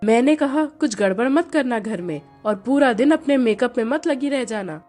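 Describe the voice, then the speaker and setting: A woman's voice: fairly high pitch, lively intonation, normal speed, a little mellow, faint music behind, pitched below the performer's own voice, natural voice. A woman voicing an impatient young husband who scolds his wife, in a storybook narration. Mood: scolding. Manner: stern, scolding.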